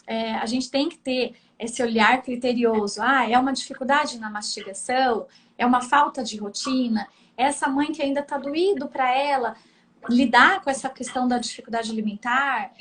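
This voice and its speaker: A middle-aged Brazilian woman with a high, bright-pitched voice, hosting a live online conversation as a speech therapist. She talks in a chatty, easygoing way, keeps asking "né?", and now and then acts out examples of intonation. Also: normal speed. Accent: Brazilian Portuguese. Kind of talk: casual live-stream conversation.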